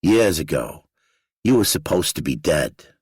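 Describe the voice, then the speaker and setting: A man's voice: extremely low pitch, sing-song, unhurried, slightly rough, dry recording, studio quality, exaggerated voice. A man reading as a curt young woman. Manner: curt and brusque. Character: blunt guarded young woman around twenty. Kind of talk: audiobook character voice.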